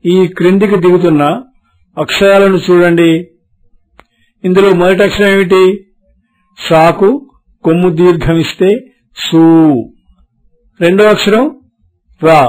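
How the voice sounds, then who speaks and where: A man with a high voice teaches a beginners' reading lesson at a very slow, deliberate pace. He breaks each word into syllables and then draws it out so learners can repeat it. He sounds like a patient classroom teacher. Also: level tone, low-quality recording. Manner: spells words out syllable by syllable, drawn-out modelling of words.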